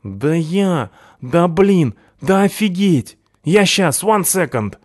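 Brief: excitable young punk guy, high and eager, as a male reader voices him, slangy and gushing, dry close sound. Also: measured pace, no echo. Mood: excited gushing.

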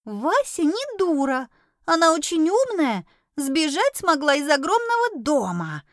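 A woman doing a squeaky proud winged kitten. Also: wildly swooping pitch, measured pace, dry recording, studio quality, full character voice. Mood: indignant. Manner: proud, cheeky.

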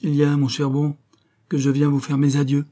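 A man's voice: a little high, monotone, brisk, mellow, voice pushed up, natural voice. Man doing a plaintive, despairing young man. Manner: plaintive, stammering, agitated. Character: distraught young man, rich man's son, despairing. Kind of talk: audiobook character voice.

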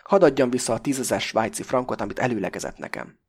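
A man's voice: mid-range voice, natural voice. A man voicing a fat, greedy and sly middle-aged Greek man in an audiobook, pompous and blustering. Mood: smug. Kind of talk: audiobook character voice.

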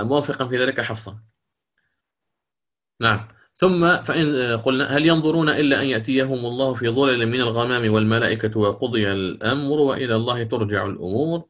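A man teaching the Quran readings, explaining differences between readers with pauses and fillers, and reciting verses slowly in a melodic chant. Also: medium pitch, fairly bright tone. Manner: careful explanatory, hesitant fillers. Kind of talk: online Quran readings lesson.

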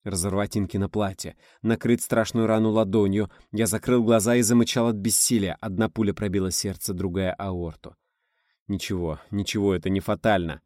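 Low-voiced man narrating an audiobook. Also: fairly even intonation, brisk, hardly any pauses, a little mellow, no echo, clean studio sound. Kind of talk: first-person audiobook narration.

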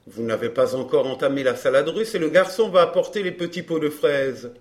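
A man voicing a suave, self-assured wealthy baron who teases and stays smooth. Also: fairly high pitch, brisk, natural voice. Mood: amused. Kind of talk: audiobook dialogue.

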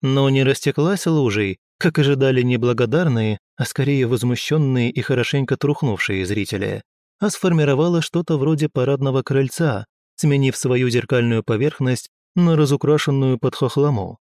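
A man's voice: medium pitch, moderate pace, darkish tone, no echo, clean studio sound. A man narrating an audiobook with wry, ironic asides. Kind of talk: scripted narration.

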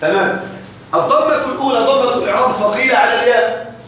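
A man teaching an Arabic grammar lesson, slowly repeating rules and often checking that his students follow along. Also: very high voice, fairly bright tone. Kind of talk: classroom lesson explaining morphology. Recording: very echoey room with faint noise.

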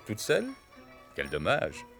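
An actor playing a brash, flirtatious village gallant, teasing and cajoling in a stage farce. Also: male voice, low-pitched, wildly swooping pitch, a little slow, gravelly, fairly bright tone, soft background music, full character voice. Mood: teasing, wooing. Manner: teasing, with chuckles. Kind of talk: French stage farce acting.

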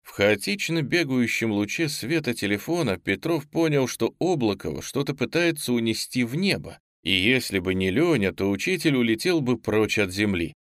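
A man narrating an audiobook in an even, measured way. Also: medium pitch, dry recording, clean studio sound.

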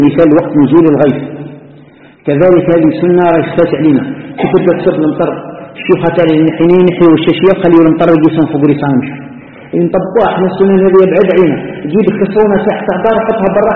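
Male Algerian sheikh, rapid-fire explanatory lesson, thin phone-like sound with a roomy echo. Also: on the high side, a little hiss or hum. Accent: Algerian Arabic. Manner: explanatory, demonstrating with hand gestures. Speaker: sheikh teaching a religious lesson. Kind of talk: religious lesson mixing classical recitation and dialect. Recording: distant tinny recording in a reverberant hall.

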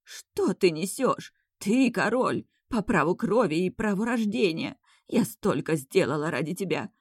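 Casual: lady reading as a screechy crazed queen, scornful and shrill, tight dry sound. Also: animated, normal speed, a little mellow, husky, dry recording. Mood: frantic. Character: hysterical deposed queen, middle-aged mother, cruel and unhinged. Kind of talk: audiobook character voice.

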